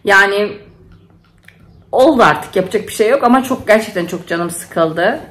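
A woman's voice: mid-range voice, expressive, moderate pace, a bit bright. A middle-aged woman, a nurse and mother, chatting casually to camera at home and telling stories with feeling and lots of fillers. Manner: chatty, emotional storytelling with many fillers.

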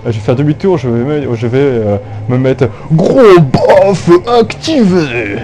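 A man's voice: mid-range voice, lively intonation, slow, warm tone, faint music behind. A young man giving casual, jokey gameplay commentary through an old phone headset, rambling with many fillers and restarts. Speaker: gaming YouTuber.

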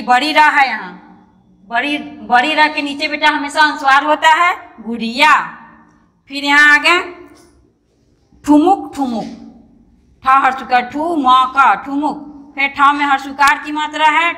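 A woman's voice: high voice, pushed and bright, in a large hall. A woman teaching young children an online lesson, patiently breaking words into syllables and sounding each one out, often calling the pupil "beta". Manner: calls the pupil "beta" fondly.

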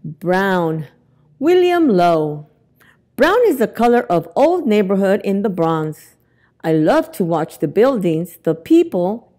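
Among the bookshelves of an indoor library, a middle-aged storytime reader shares a picture book with young children. Her voice is animated in pitch, her delivery unhurried, expressive and deliberate. She is picked up on a lapel mic.

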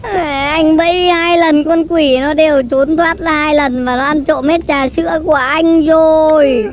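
A man playing an excitable young male demon hunter, boastful and theatrical in a comedy skit. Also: very high-pitched, measured pace, a little hiss or hum. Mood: fretful.

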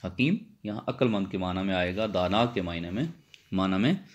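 A man's voice: low-pitched, animated, moderate pace, muffled recording. A man, a Persian lecturer, reads a Persian text phrase by phrase and explains each one again in simple words. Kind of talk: line-by-line text explanation lesson.

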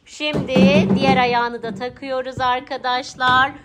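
A woman, a mother and channel host, narrating a casual family vlog at home in a playful, animated way, often laughing. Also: high-pitched, unhurried, soft background music. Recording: noisy home video.

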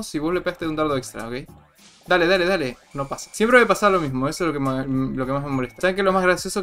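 A young man with an Argentine accent giving playful, boastful gameplay commentary to his viewers, with sudden excited yells. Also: a little high. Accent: Argentine Spanish. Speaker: gaming channel host.

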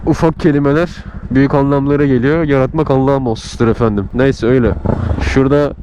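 A man's voice: mid-range voice, steady tone, fast talker. A man riding a motorcycle, chatting casually to himself and his viewers in slangy asides from inside his helmet. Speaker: motovlogger. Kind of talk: casual vlog commentary while riding. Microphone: close mic inside the helmet. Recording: loud motorcycle engine and traffic noise. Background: loud motorcycle and vehicle noise.

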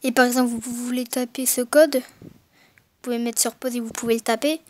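A woman's voice: fairly high pitch, fairly even intonation, a little fast, a little mellow. A woman recording a casual unboxing narration through a gaming headset mic, talking hesitantly with many fillers and self-corrections. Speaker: gaming video maker.

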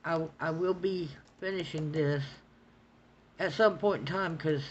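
A woman's voice: deep voice, unhurried, highs cut off, slight background noise. A woman chatting casually about art supplies on her channel, rambling and stammering as she repeats herself. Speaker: coloring channel host. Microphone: phone.

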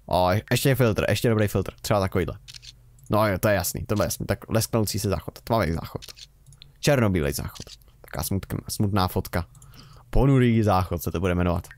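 A young man giving rambling, casual commentary while playing a game, with wry remarks. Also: fairly low pitch. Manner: chatty, rambling, wry self-mocking remarks. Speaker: Let's Play host.

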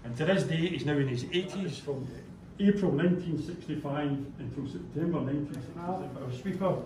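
A man's voice: fairly high pitch, fairly quick, dark tone. An older man with a Scottish accent, a tour guide chatting and joking with a group in a large trophy room. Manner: chatty, jokey, addresses a group. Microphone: visitor's camera from a distance. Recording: echoey room, distant, with crowd noise.

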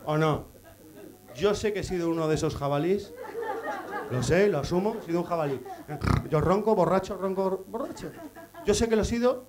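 Brief: cheeky male comedian, high voice, teasing the crowd with crude stand-up bits. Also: moderate pace, long pauses. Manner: cheeky, teases the audience, crude jokes. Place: comedy stage before a live audience.

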